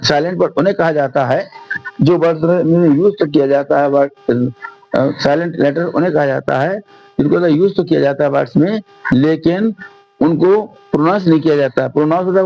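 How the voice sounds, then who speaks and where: A man from India with a Hindi accent, teaching an English lesson in Hindi and reading the English lines out slowly. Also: on the high side, darkish tone, highs cut off. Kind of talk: classroom lesson explanation.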